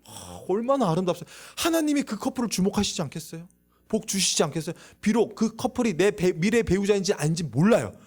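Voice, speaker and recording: With soft background music playing, a youth pastor delivers a youth sermon in a church sanctuary, talking fast in a high voice. He keeps things lively, questioning the audience and acting out quoted voices.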